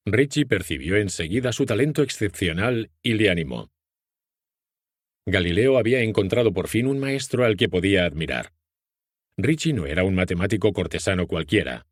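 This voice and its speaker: A man narrates an audiobook from a script in a Castilian Spanish accent. His voice sits fairly low and moves with very varied intonation. The recording is dry and close, with very little room sound. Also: no echo.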